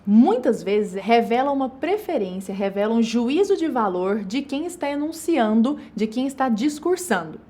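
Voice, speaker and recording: Woman teaching grammar, slow stressed examples. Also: fairly high pitch. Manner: explanatory, stresses words slowly and spells out examples. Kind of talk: online video lesson.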